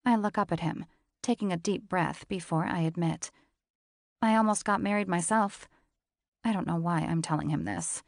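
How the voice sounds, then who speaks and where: A woman's voice: on the low side, a little fast, gravelly, darkish tone, dry recording, studio quality. A woman narrating a first-person romance audiobook in an intimate, confessional manner.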